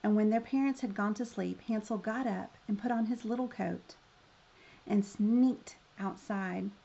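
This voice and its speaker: A woman's voice: mid-range voice, a little slow, vocal fry, dark tone, dull audio. A woman reading a children's story aloud as a storyteller, in the manner of a fairy tale opening.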